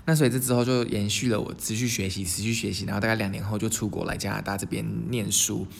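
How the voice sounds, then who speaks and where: A young man from Taiwan, hosting his channel in a casual storytelling monologue, lively and sprinkling English words into his speech. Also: lowish voice, quick pace, gravelly, slight background noise. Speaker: channel host.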